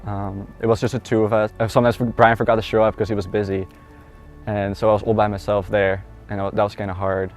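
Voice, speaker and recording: A teenage student from the Netherlands with a Dutch accent earnestly shares his personal faith testimony in a conversational way. His voice is low-ish with little pitch movement, and he talks fast. Faint music plays behind him.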